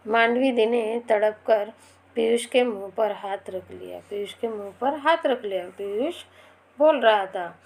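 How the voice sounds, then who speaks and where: Slow, patient woman teacher explaining a lesson. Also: mid-range voice, vocal fry. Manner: reads each line, then repeats and explains it; addresses pupils directly, patient. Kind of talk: explaining a textbook chapter to students.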